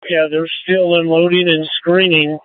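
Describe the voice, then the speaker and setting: A man's voice: on the high side, level tone, normal speed, no room sound. A man working as a security post officer, giving clipped, matter-of-fact reports over a two-way radio. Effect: heard over a two-way radio. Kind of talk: radio dispatch traffic. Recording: tinny dry radio transmission.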